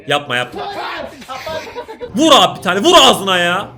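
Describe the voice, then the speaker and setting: A young man with a Turkish accent, reacting to prank videos in casual commentary, exclaiming, laughing and shouting. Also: high-pitched, wildly swooping pitch, normal speed, faint music behind.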